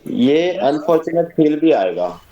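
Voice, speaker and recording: A man's voice: fairly high pitch, big pitch swings, a little slow, dark tone, highs cut off, a little hiss or hum. A man leading a homeopathy study discussion, explaining with everyday examples and mixing in English terms. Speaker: homeopathy group study leader. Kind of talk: casual teaching discussion. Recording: echoey room, distant mic.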